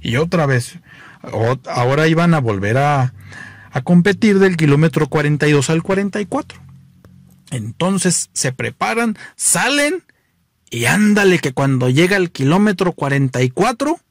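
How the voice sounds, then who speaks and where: A man's voice: on the high side, normal speed, dry recording. Playful Mexican joke-telling man. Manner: animated, playful storytelling with exclamations. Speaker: joke teller.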